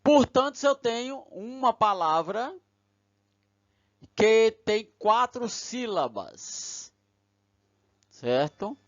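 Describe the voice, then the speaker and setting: A man's voice: high voice, very animated, very slow, pauses often, no room sound. A man, lecturing patiently step by step and often checking in with his listeners. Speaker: teacher. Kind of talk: recorded lecture. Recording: dull lo-fi recording.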